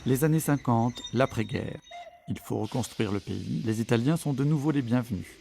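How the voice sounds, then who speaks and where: A man's voice: medium pitch, moderate pace, vocal fry, warm tone, a little hiss or hum. A man narrating a documentary from a script, with a dramatic, ironic delivery.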